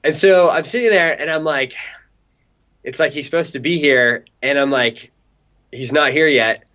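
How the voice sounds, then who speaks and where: A young guest from Southern California tells an energetic story during an interview in a fairly high voice at a moderate pace. He speaks in a loose, chatty manner crowded with filler words.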